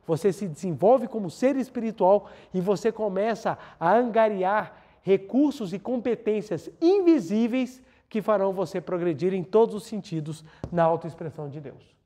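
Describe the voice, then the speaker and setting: A man's voice: sits high, lively intonation, moderate pace, few pauses, mellow. A man with a Brazilian Portuguese accent giving an earnest spiritual lecture, repeating words for emphasis and leading a meditation. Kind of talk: spiritual talk and guided meditation.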